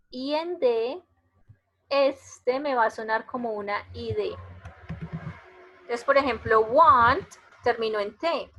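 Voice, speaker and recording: Slow, bright-voiced woman teaching English. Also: fairly high pitch, rough recording. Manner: slow, patient explaining, repeats words to model pronunciation. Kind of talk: online class lecture. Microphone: computer mic on a web conference.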